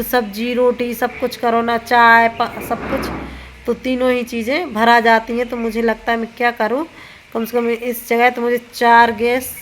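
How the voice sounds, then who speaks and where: Slightly high-voiced with a bit of hiss or hum, a woman in her thirties who has a sore throat chats casually in a home vlog. Moving between kitchen and rooftop chores, she rambles and keeps correcting herself.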